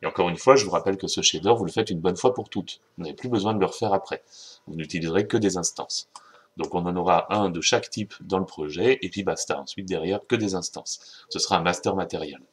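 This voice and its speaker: Low-voiced French man teaching software. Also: fast talker, husky. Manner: informal, chatty, self-correcting, addresses viewers directly. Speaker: software tutorial instructor. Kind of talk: screen-recorded software tutorial.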